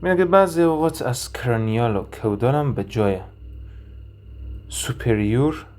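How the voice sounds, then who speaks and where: A man teaching an anatomy lesson, explaining each term step by step, asking and answering his own questions and thinking aloud with pauses. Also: medium pitch, a little mellow. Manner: thinks aloud with frequent hesitation sounds. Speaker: anatomy instructor. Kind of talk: recorded lecture with drawing and reading.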